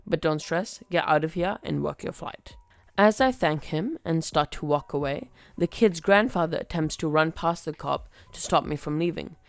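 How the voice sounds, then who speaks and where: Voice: mid-range voice, creaky, clear, resonant tone, no room sound. A podcast host reading online stories aloud in a wry, conversational way. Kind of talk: story reading.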